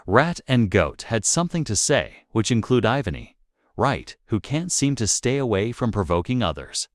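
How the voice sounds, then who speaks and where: A man's voice: on the low side, big pitch swings, moderate pace, no room sound, clean studio sound. A man narrating celebrity gossip for his show in a wry, teasing way.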